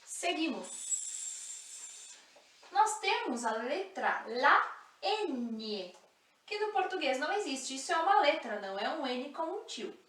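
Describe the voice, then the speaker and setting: A woman teaching a language lesson, speaking slowly and clearly, repeating example words and spelling out sounds. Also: sits high, big pitch swings, fairly bright tone, roomy sound, recorded from a distance. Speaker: Spanish teacher.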